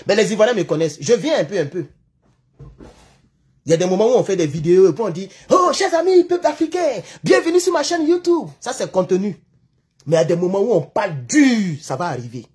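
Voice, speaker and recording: A man with an Ivorian French accent, venting in an impassioned political rant that keeps circling back on itself. His voice sits high and is deeply raspy and husky. His pitch leaps around with lively, animated swings. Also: fast talker. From Ivory Coast. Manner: impassioned, accusatory, repetitive. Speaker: YouTube political commentator.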